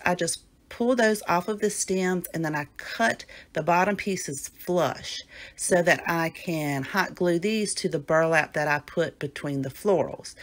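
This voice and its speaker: A woman narrating a home decor craft tutorial step by step, sounding stuffy from a cold, with friendly asides to her viewers. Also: on the low side. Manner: gentle step-by-step explaining, chatty asides to viewers. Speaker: DIY home decor creator.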